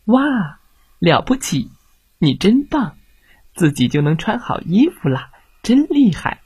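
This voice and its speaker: A mother in a children's storybook, fussing one moment and soothing the next, heard in a high, sing-song voice as a male narrator puts her on. Her lines come slowly and huskily, and the pitch leaps about with lively swoops. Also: husky, dry recording, exaggerated voice. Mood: gentle. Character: adult mother, alternately nagging and tender.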